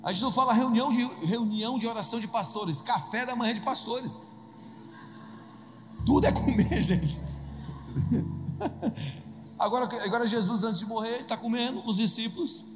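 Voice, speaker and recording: A Brazilian man preaching a humorous sermon in a church, telling the story in a lively, joking way and acting out the voices. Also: very high-pitched, moderate pace, pauses often, background noise. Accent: Brazilian Portuguese. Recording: echoey hall with soft music.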